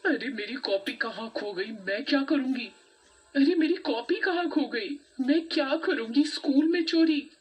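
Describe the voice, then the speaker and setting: A woman's voice: sits high, expressive, a little slow, slightly rough, dull audio, soft background music, pitched above the performer's own voice, full character voice. Lady voicing a jealous bratty cartoon schoolgirl, spiteful. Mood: fake distress. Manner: spiteful muttering.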